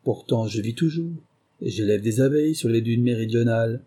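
A man reading aloud, voicing a sly, confident male English detective in a lively, ironic manner. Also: a little fast, slightly rough, natural voice. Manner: higher, lively, ironic delivery.

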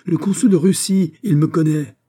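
A man reading an audiobook, voicing a furious bearded Russian policeman who shouts and repeats himself. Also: mid-range voice, normal speed, breathy edge, natural voice. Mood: furious shouting. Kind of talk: audiobook character voice.

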